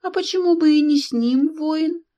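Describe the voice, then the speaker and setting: A woman's voice: high-pitched, moderate pace, mellow, voice pushed up, natural voice. A woman doing a teasing, imperious young princess.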